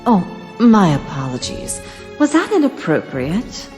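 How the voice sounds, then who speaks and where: A composed, teasing villainess for an anime dub. The voice is on the low side and unhurried, echoing in a hall with music behind. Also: female voice, big pitch swings, darkish tone. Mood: teasing, sly.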